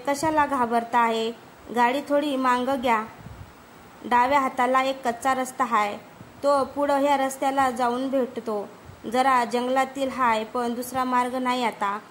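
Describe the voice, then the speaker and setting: A woman voicing a calm, mysterious rural village woman who speaks in rustic dialect, self-assured and coaxing, as part of a storybook reading. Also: high-pitched, slight background noise.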